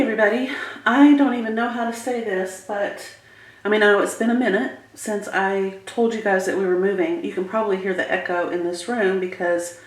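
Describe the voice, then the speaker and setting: Woman, unhurried pace, casual rambling vlog chat, informal, echoey empty room. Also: medium pitch. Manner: rambling, informal, addresses viewers directly. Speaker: vlogger. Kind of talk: casual chatty home vlog. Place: indoors, emptied rooms of a house.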